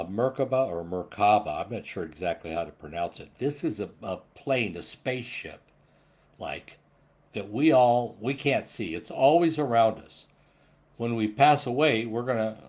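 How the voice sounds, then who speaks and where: A man in his sixties talking in a rambling, earnest monologue about spiritual matters, swearing casually now and then. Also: sits low. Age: 60s. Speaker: spiritual vlogger.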